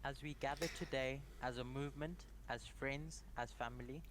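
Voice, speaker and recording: A young man from Zimbabwe leading a prayer and a Bible study, speaking in short measured phrases with pauses for an interpreter. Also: medium pitch, steady tone, noisy background. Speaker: guest Bible study presenter.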